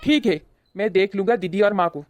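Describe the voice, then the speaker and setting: A woman's voice: mid-range voice, animated, brisk, slight background noise, natural voice. A woman playing an irritated brother who bluntly scolds his mother and sister, in a comedy skit.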